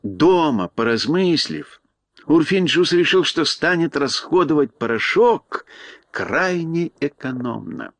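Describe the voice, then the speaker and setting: A man reading a children's storybook aloud in expressive scripted narration. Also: mid-range voice, dry recording. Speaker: audiobook narrator.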